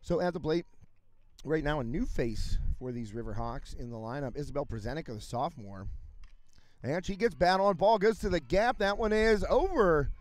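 A man with a Western Pennsylvania accent doing casual, chatty play-by-play for a high school softball game, drifting into self-deprecating, rambling asides. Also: expressive, normal speed, no room sound. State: out of breath at times. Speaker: play-by-play announcer. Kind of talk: casual sports commentary. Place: outdoors at a windy ballfield.

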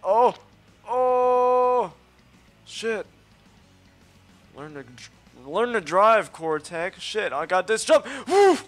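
This let's play host has a high-pitched voice, speaks slowly, and pauses often, with faint music in the background. Commentating his gameplay live, he's excitable and boastful, swears a lot, and yelps at mishaps amid cocky trash talk.

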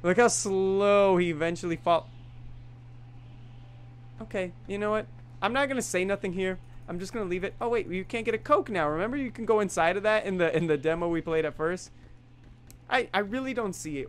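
A man's voice: high voice, a little fast, slight background noise. A young man playing a video game for viewers, joking and reacting as he goes. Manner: jokey, animated, talks to viewers. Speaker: gaming YouTuber. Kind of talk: let's play commentary.

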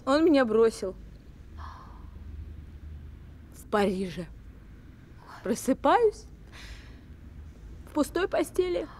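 A self-pitying, indignant woman in TV melodrama style. Her voice is very high and she complains with dramatic emphasis, over slight background noise. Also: big pitch swings, takes it slowly, a little mellow, exaggerated voice. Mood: wounded. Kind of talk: television melodrama acting.

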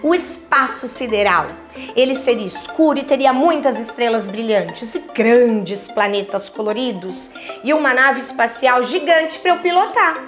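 A woman's voice: on the high side, measured pace, a bit bright, soft background music. Woman reading as Tom, a young Brazilian boy. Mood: eager. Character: young boy, moody then eager.

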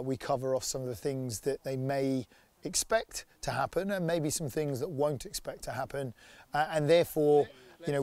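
Outdoors in a sunny woodland, an outdoor activity company director in his forties talks up his business in a promotional interview, upbeat and enthusiastic, on a lapel mic. He has a medium-pitched, slightly mellow voice.

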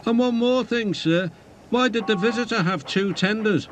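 A man's voice: sits high, normal speed, background noise, voice pushed up, lightly acted. A man voicing a proud, pompous big male engine who talks in a haughty, self-important way, with music behind.

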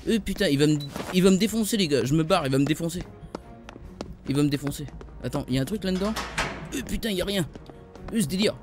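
Excitable high-voiced French gamer. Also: male voice, fast, pauses often. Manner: trash-talking, excitable, calls viewers "les gars". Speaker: gaming YouTuber. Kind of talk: live gameplay commentary. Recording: music playing behind the voice.

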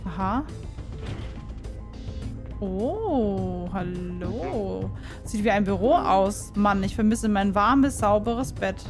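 A woman doing casual gameplay commentary, excitable and quick to yelp in alarm, who also reads the game's dialogue aloud. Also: medium pitch, music in the background. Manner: excitable, frequent startled exclamations. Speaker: let's play gamer.

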